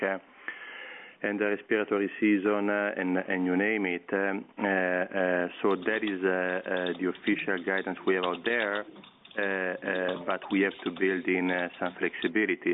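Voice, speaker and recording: A man, a company executive answering on a conference call in a halting way full of fillers. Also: low-pitched, creaky. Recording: tinny phone line.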